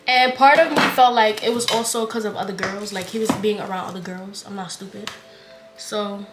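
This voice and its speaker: A woman's voice: mid-range voice, echoey room. A woman in her twenties, a vlogger telling a story in casual, slangy chat and acting out the dialogue. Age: 20s. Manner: animated, slangy, retelling with quoted dialogue.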